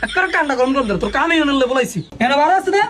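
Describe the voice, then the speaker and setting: Exasperated tailor boss played by a man, high and fast, southeastern Bangladeshi accent, barking orders in a comedy skit. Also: animated, fairly bright tone, slight background noise. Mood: scolding. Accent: regional southeastern Bangladeshi. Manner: scolding, commanding. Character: bossy, exasperated master tailor scolding his helper.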